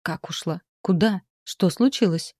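A woman's voice: lowish voice, measured pace, darkish tone, no echo, studio quality. Woman reading as a weary grown daughter. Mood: exasperated. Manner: tired, exasperated. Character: weary, patient adult daughter caring for her mother.

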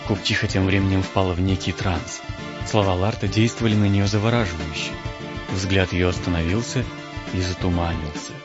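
A male narrator with a fairly low voice reads a fantasy story in the first person, lively and theatrical. The recording is dull and lo-fi, with clear music playing behind him. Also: brisk. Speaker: audiobook narrator. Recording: dull lo-fi audio with strong background music.

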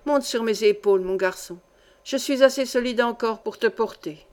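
Old excitable miner guy, read by a woman, urgent bursts, a bit high. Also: normal speed, natural voice. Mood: commanding. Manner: exclaiming, urgent. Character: old male Scottish mine foreman, excitable, gruff.

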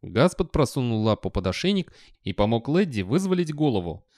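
A man narrating a comic fantasy audiobook at a mid pitch, reading in a measured, expressive way. The sound is dry and close, with no room around it. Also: no echo. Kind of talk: scripted narration.

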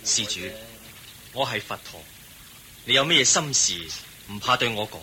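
A man's voice: medium pitch, expressive, moderate pace, sharp tone. A man playing the Buddha in a Cantonese radio drama, a compassionate and commanding sage. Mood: calm, reassuring. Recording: noisy radio drama with outdoor ambience.

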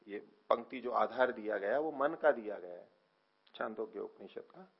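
A man gives a scripture lecture in a gravelly, slightly husky voice, working through the text slowly. He asks questions and answers them himself, and his voice drops away softly at the ends of phrases. The recording sounds dull and lo-fi. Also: fairly low pitch, lively intonation. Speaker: teacher of philosophy.

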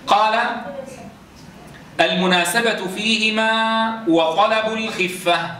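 A man teaching a class on Quran recitation rules. He explains step by step, slowly drawing out sounds to demonstrate and often checking with his students. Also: high-pitched, steady tone, crowd noise. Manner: keeps checking understanding with quick questions to students. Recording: echoey room, voice from a distance, faint noise.

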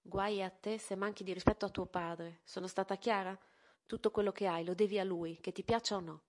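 Una donna che legge la parte di Maria, una madre di mezza età severa ma affettuosa. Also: female voice, lowish voice, steady tone, moderate pace, breathy edge. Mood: stern. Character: stern but loving middle-aged mother.

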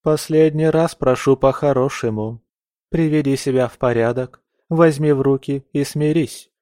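A man's voice: mid-range voice, moderate pace, dark tone, dry recording, studio quality, close to an everyday voice. A man voicing a stern, domineering baroness mother. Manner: stern, scolding, commanding. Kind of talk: audiobook character voice.

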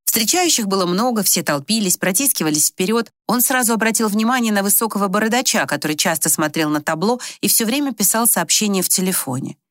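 A woman with a medium-pitched voice narrates an audiobook, telling the story in a measured, expressive way. The recording has clean studio sound with no echo.

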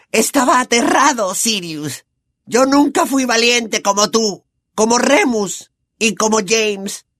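A man's voice: very high-pitched, fairly bright tone, no echo, studio quality, pitched above the performer's own voice, heavily acted. A man voicing a cowering, terrified middle-aged man who whimpers and begs breathlessly. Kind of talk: audiobook character voice.

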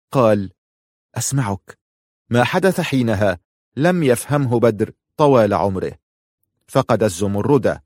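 Low-voiced man, measured audiobook narration. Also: a little mellow, dry recording, clean studio sound. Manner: measured, literary reading.

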